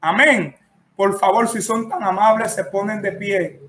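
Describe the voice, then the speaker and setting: A man's voice: sits high, a little slow, a bit bright. A man with a Dominican Spanish accent, a preacher teaching church etiquette in an emphatic, instructive way and dotting his phrases with amens. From Dominican Republic. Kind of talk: instructive preaching to a live-streamed audience. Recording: echoey room.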